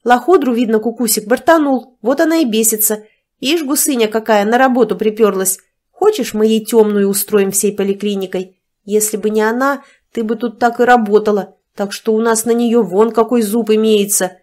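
A woman's voice: on the high side, normal speed, a little mellow, lightly acted. A woman putting on a brash, bossy village neighbor. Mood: comforting. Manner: rough, bossy, crude.

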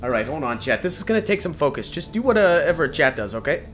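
A man streaming a game, excitable and trash-talking, swearing freely. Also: on the high side, fast, music in the background. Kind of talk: casual gaming stream banter.

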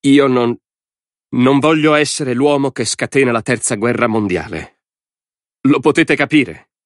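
A man's voice: lowish voice, steady tone, moderate pace, a little mellow, no echo, close to an everyday voice. A frightened, reluctant president forced into a grave choice, his voice tight and lifted above the reader's usual tone, as a man puts him on. The recording is dry and close. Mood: strained. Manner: strained, hesitant.

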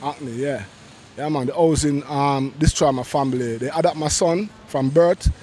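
Speaking into a handheld mic held close on a busy outdoor street, a middle-aged man recounts a painful personal experience for a vox pop. His voice is dark and on the high side, his pace moderate yet urgent, and he often begins phrases again; faint traffic sounds behind.

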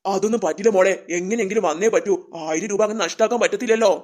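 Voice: mid-range voice, rapid-fire, darkish tone, close to an everyday voice. A performer doing a weary old Santa grandpa. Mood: gentle. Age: older. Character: poor old male Santa-costume worker, gentle and weary.

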